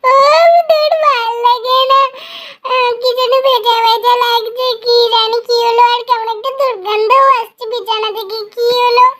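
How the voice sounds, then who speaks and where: A woman voicing a bossy little girl in a doll cartoon, scolding and giggling in shrill bursts. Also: steady tone, moderate pace, fairly bright tone, slight background noise. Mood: puzzled.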